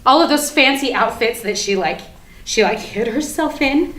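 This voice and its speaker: A woman with a lively, slightly high voice at normal speed performs a monologue at a staged reading, playing a ranting everywoman who defiantly and happily admits she killed Barbie. Her indignant delivery is sardonic and emphatic, shifting between quiet confidences and furious outbursts. The room echoes, and there's background noise.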